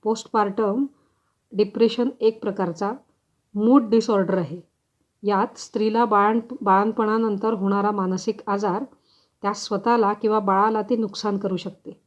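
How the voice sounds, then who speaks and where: A woman reading a short story aloud in a measured, expressive storytelling manner, on a slightly dull recording. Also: medium pitch. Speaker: story reader. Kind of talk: audiobook story narration.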